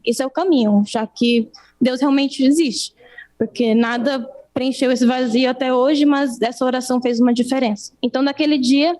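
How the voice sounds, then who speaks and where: Young woman, high mellow voice, earnest halting testimony. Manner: earnest, halting, with many restarts. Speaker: interviewee giving a testimony. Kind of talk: personal testimony.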